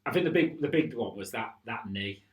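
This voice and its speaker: A man's voice: mid-range voice, animated, a little fast. A man co-hosting a casual futsal podcast, agreeing often and recounting match incidents. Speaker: futsal club podcast co-host.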